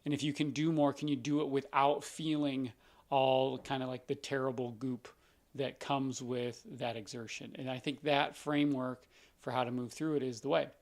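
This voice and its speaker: Flat in delivery and moderate in pace, a male doctor with a scratchy mid-range voice hosts a live question-and-answer stream. He talks things through casually, with lots of everyday examples.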